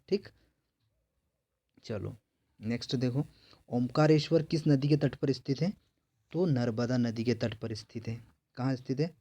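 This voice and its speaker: A male teacher with a darkish, mid-range voice goes through exam questions one at a time. For each, he asks it out loud and answers it himself, in a repetitive exam-prep style.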